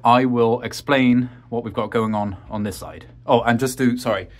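A man's voice: medium pitch, fairly even intonation, moderate pace. A man walking through his home heating system in a casual vlog, talking in a rambling, practical way with many ums and uhs, from a cramped crawl space and utility room. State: out of breath after crawling.

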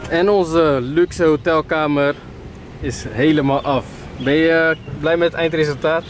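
A man's voice: fairly high pitch, steady tone, a little slow. A young man with a slightly raised voice talks upbeat and casual on a travel vlog, tossing in street slang as he goes. His voice is caught on a handheld camera at arm's length, with music running behind him. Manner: upbeat, tags sentences with "man". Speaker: travel vlogger. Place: outdoors and in a parked minivan.

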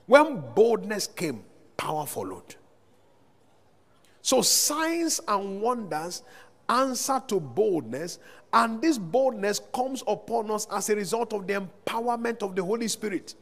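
This Nigerian man's voice sits high and fairly bright, swinging widely in pitch as he preaches without hurry. Recorded live in a big church hall with a long echo, he reads scripture and sends rising calls out to his congregation.

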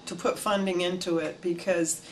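In a room with flags behind her, an older woman being interviewed for an oral history tells her story with energy and plenty of hand gestures. Her lowish voice keeps a moderate pace over slight background noise.

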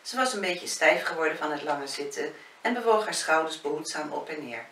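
A woman author reading her own novel aloud in a calm audiobook narration. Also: deep voice, brisk. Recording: roomy, distant, faint hiss.

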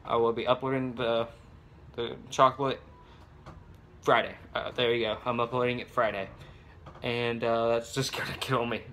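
A man's voice: medium pitch, level tone, normal speed, bright, forceful tone, slight background noise. Rambling young male vlogger on a phone. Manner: rambling, many restarts and fillers. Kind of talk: casual vlog. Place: home with babies heard nearby. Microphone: phone camera.

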